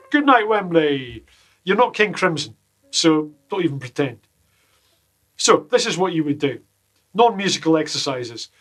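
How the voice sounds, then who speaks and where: A man teaching guitar exercises in a casual lesson from a small home studio, full of deadpan jokes between the explanations. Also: a little high. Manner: jokey, deadpan asides. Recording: loud guitar playing behind the voice.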